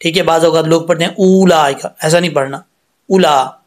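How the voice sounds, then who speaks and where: A man teaching Quran recitation rules step by step, explaining patiently and reciting each word slowly with drawn-out vowels. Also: a little high, steady tone. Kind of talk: step-by-step tajweed lesson.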